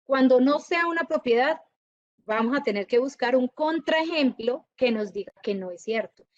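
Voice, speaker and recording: Woman teaching a class, high voice, lively, kinda dull dry recording. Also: normal speed, dry recording. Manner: lively, checks often with students. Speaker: university lecturer. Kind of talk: classroom lecture.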